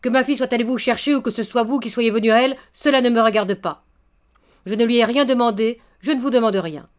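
A woman's voice: medium pitch, a little fast, darkish tone, close to an everyday voice. Storybook old baron, proud and stern, scolding; woman reader performs him. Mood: indignant. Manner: indignant, stammering then thundering.

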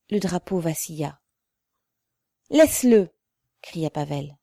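A woman narrating a novel aloud in a measured, solemn reading. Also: low voice, mellow, no echo, studio quality. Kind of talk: audiobook narration.

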